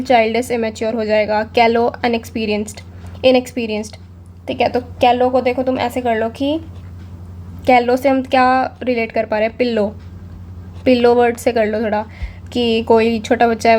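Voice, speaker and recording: A woman's voice: fairly high pitch, a little mellow, slight background noise. A young woman gives a casual vocabulary lesson, chatty and often saying "theek hai". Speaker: exam vocabulary teacher.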